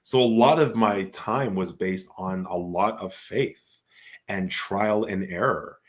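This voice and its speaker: Low-pitched male host, reflective conversational entrepreneur. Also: slow pace. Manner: reflective, repeats "like" often. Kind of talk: casual conversational talk.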